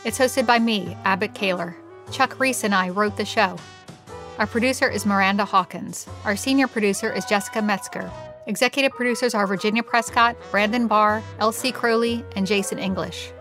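Female host narrator, measured scripted storytelling, faint music beneath. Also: medium pitch, fairly bright tone.

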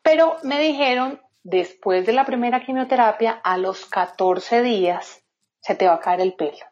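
A woman's voice: a little high, normal speed, a little mellow. A woman guest in an interview, telling a personal story in an earnest, heartfelt way. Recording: slightly dull lo-fi sound.

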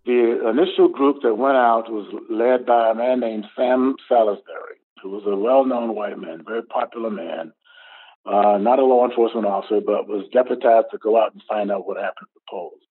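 A man speaking as an expert interviewee, explaining events haltingly over a tinny line. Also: on the low side, breathy edge. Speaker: author and historian interviewee.

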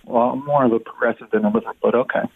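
Male caller, phone held off from the mouth, faint and tinny, gravelly and halting. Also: medium pitch, fairly even intonation, a crowd in the background. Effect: phone held away from the mouth, faint and distant. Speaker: caller to a talk radio show. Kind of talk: call-in radio. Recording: tinny far-off phone line.

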